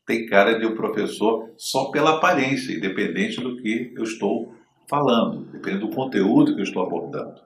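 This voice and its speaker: A man's voice: fairly low pitch, lively intonation, fairly quick, reverberant, slight background noise. A man teaching communication to the camera, often checking in with his listeners through short questions. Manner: didactic, asks listeners frequent check-in questions. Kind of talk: direct-to-camera lesson.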